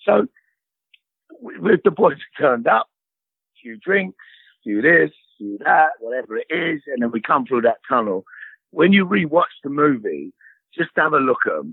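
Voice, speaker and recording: Gravelly man spinning wild stories. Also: medium pitch, no echo. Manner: swearing, slangy, laughs at own stories. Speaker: guest actor. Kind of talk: animated storytelling. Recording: slightly dull lo-fi sound.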